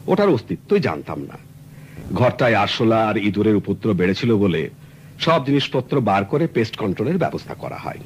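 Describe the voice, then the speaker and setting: Heard on an old radio recording with faint hiss, an actor in a 1970s radio drama voices a courteous, earnest middle-aged client who tells his story at length. His voice is natural and medium in pitch.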